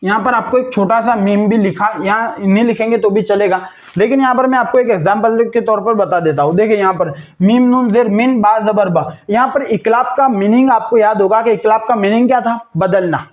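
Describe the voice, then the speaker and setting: A man teaching Quran reading step by step. He spells out letters slowly, syllable by syllable, and patiently asks questions that he answers himself. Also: sits high, highs cut off. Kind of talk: step-by-step recitation lesson.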